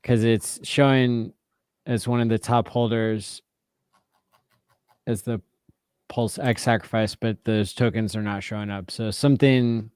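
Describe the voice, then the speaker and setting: Smooth, dry-voiced male stream host. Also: fairly low pitch, no echo. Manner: relaxed, with many fillers, thanking viewers. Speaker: livestream host. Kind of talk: casual livestream chat.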